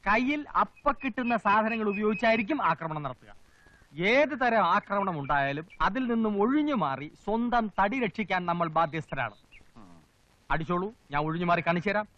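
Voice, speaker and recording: A man's voice: high voice, lively intonation, brisk, bright, forceful tone, muffled recording, slight background noise. An actor playing a boastful master thief who lectures his pupils in a pompous way, yelping when things go wrong, in a slapstick film comedy. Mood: lecturing. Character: boastful middle-aged male thief mentor.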